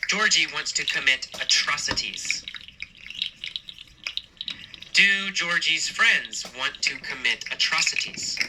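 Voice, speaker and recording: A male teacher telling a story as a lesson, asking simple questions and answering them himself, slowly and with emphasis. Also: fairly high pitch, expressive, noisy background. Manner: slow, repetitive, emphatic questioning. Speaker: English teacher.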